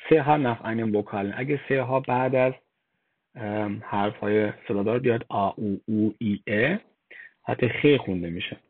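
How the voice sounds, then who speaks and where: A man gives a slow, step-by-step pronunciation lesson, spelling out sounds one at a time with frequent pauses. His voice is slightly low and husky. The recording is dry and thin, like a phone line. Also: no room sound. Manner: slow, spelled-out explanations, vowel by vowel, with fillers. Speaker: German language teacher. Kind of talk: slide-based language lesson.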